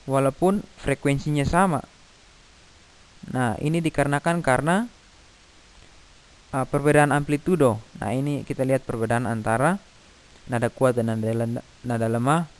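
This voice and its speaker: A middle-aged man, patiently explaining a physics lesson to children, pausing and singing note names to demonstrate. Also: mid-range voice, smooth. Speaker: teacher.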